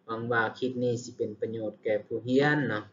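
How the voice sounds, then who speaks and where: A man's voice: mid-range voice, flat delivery, fast talker, dull audio, a little hiss or hum. A man with a Lao accent teaching English words, saying each word several times before explaining it. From Laos. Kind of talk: vocabulary lesson.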